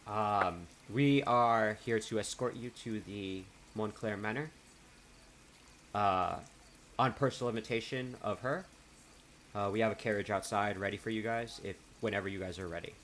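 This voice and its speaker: A man's voice: lowish voice, moderate pace, fairly bright tone, slight background noise, close to an everyday voice. A man doing a polite dragonborn envoy. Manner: courteous, hesitant with fillers.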